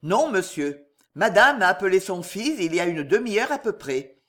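A reader voicing a calm, deferential male valet in a storybook reading. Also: medium pitch, normal speed.

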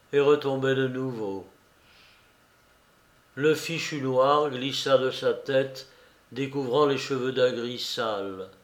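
A man reading a literary story aloud in a measured, sombre narrating voice. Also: mid-range voice, roomy sound. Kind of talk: audiobook reading of literary prose.

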